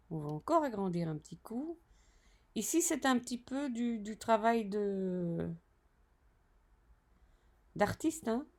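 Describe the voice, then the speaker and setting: A woman tutoring design software over a screen recording, chatty and narrating each step with self-correcting asides. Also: medium pitch.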